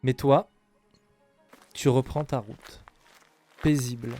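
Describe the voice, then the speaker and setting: Slow, theatrical male game master. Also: mid-range voice, fairly even intonation, warm tone, faint music behind. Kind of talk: dramatic improvised narration of a tabletop role-playing game.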